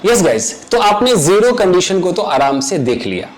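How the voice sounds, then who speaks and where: A man's voice: high-pitched, very animated, moderate pace, poor audio. A man teaching English grammar to viewers in a chatty way, often checking that they understand. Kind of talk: Hindi-English grammar lesson with live demonstrations. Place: home kitchen.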